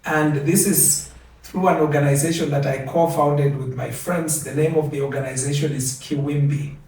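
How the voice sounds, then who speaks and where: Older man from Kenya, award speech, fairly high voice, earnest and measured, heavy echo, mic at a distance. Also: steady tone, darkish tone. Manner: measured, earnest, repeats words for emphasis. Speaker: award recipient giving acceptance speech. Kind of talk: formal speech. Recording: very echoey, from a distance.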